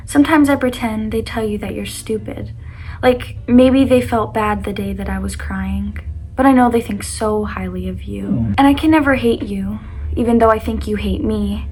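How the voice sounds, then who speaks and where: A woman's voice: fairly high pitch, darkish tone. A young adult woman reading personal poems aloud with casual commentary, in an earnest, vulnerable and slightly self-conscious way. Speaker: vlogger reading their own poetry.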